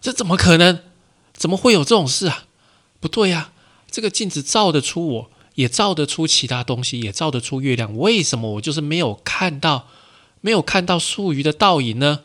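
A man playing a rough, hot-tempered male bandit in a storytelling podcast. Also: on the high side, expressive, fairly quick, a bit bright, pitched above the performer's own voice. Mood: baffled.

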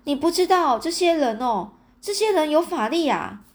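Brief: anxious young girl, read by a woman, urgent, high-pitched. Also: expressive, normal speed. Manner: worried, urgent.

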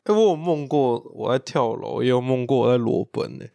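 A university student, joking around in a casual podcast chat. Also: male voice, medium pitch, a little fast, gravelly, dark tone. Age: 20s. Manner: joking, wisecracking. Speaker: podcast co-host.

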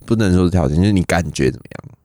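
A man's voice: deep voice, animated, very fast, mellow, no echo, studio quality. A man, hosting a podcast with teasing, playful interjections. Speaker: podcast host. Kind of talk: casual podcast chat.

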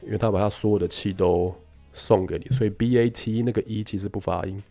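A male teacher with a Taiwanese Mandarin accent walks a student through phonics. His voice sits low and gravelly as he tells a simple story to make a rule stick, and he drops English words in between. Faint music plays in the background. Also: fairly even intonation, fast, warm tone. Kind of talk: casual spoken English lesson.

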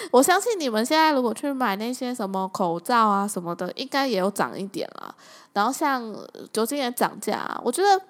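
Young taiwanese woman host, bit high voice, chatty and lively, just telling stories. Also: fairly quick. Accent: Taiwanese Mandarin. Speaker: podcast host. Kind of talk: casual chat.

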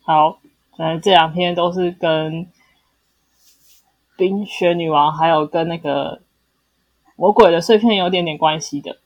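With a lowish, fairly even voice, a Taiwanese Mandarin-accented woman co-hosts a casual book discussion podcast, speaking unhurriedly and pausing often. She explains things haltingly, keeps correcting herself, and affirms repeatedly; there is no room sound.

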